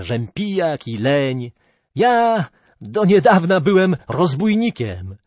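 A man's voice: on the high side, a little mellow, no room sound, voice pushed up, full character voice. A male narrator voicing a ragged, lame fiddler who is a reformed robber, blunt and humble, in a storybook reading.

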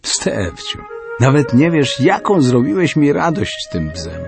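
A man's voice: medium pitch, big pitch swings, measured pace, vocal fry, over music. A man voicing a loving, grateful aunt speaking to her nephew. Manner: warm, grateful. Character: loving aunt, middle-aged woman.

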